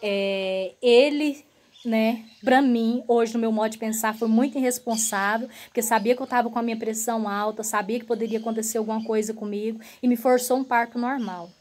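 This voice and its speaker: A woman's voice: fairly high pitch, fairly quick. A woman vlogger telling her own story earnestly to her viewers, often turning to address them directly. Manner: relaxed, repetitive phrasing.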